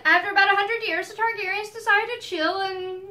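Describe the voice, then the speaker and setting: Female co-host, high bright voice, chatty and playful, laughs easily while recapping. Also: steady tone, a little fast. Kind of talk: casual chat.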